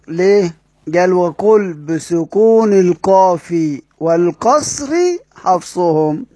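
A man's voice: high voice, a little mellow, no echo. A man with an Egyptian accent teaching Quran recitation rules, repeating key phrases and asking and answering his own questions. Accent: Egyptian Arabic. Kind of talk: classroom explanation.

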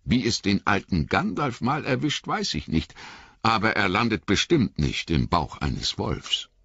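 A loyal, plain-spoken hobbit, read by a man with a husky voice and slow, comforting delivery. The sound is dry and a bit lo-fi. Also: lowish voice, big pitch swings, fairly bright tone, no room sound, heavily acted. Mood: reassuring.

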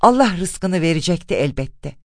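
Expressive male audiobook narrator. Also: sits high, normal speed, no echo. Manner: expressive, dramatic storytelling with shifting tone.

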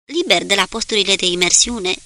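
A woman reading the lines of a calm, stern male submarine commander, giving clipped, firm orders. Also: mid-range voice.

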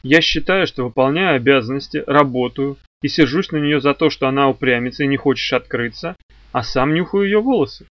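A man's voice: mid-range voice, brisk, no echo, highs cut off. A man narrating a detective novel in the first person, with a dry, ironic telling. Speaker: audiobook narrator.

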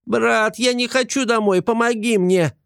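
A man voicing a small, cowardly male creature who pleads in a shrill voice. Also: unhurried, gravelly, a bit bright, clean tone, dry recording, clean studio sound, exaggerated voice. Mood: pleading.

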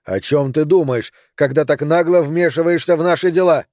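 A man reading an audiobook, voicing an angry younger man who shouts at his mother. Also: fairly high pitch, moderate pace, no room sound, studio quality, natural voice. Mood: furious. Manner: shouting in anger. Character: angry younger man, hot-tempered stepfather.

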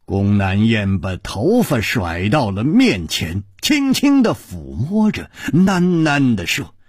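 A man reading a martial-arts novel aloud, theatrical, swinging between loud and hushed, on a close studio mic. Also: on the low side, wildly swooping pitch, slow, husky, dry recording. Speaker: storyteller.

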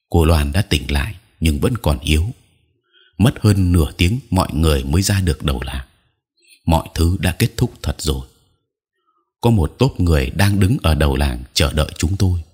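Male audiobook narrator, deep husky voice, steady somber storytelling. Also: moderate pace. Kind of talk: first-person audiobook narration.

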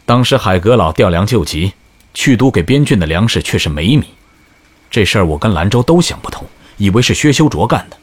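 An actor playing a calm, shrewd young commander in an audio drama, speaking in a measured way. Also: male voice, lowish voice, husky, no echo. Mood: probing.

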